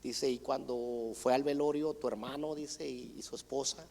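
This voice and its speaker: A man's voice: medium pitch, fairly even intonation, normal speed, vocal fry, darkish tone. Man testifying in a church hall. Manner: earnest, retells conversations with many "dice". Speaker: church brother giving testimony. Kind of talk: sermon testimony.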